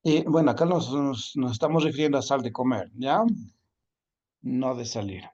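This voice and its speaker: A man's voice: medium pitch, moderate pace, darkish tone, muffled recording. A man teaching a language class, repeating each word patiently and checking in often with his students. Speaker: Quechua teacher. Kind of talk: online class lesson.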